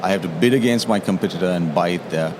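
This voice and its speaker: Recorded on a noisy trade show floor, this man from Sri Lanka talks fast in a low-sitting voice. He's a tea taster describing his work in an interview, explaining things and often ending statements with a questioning "yeah?".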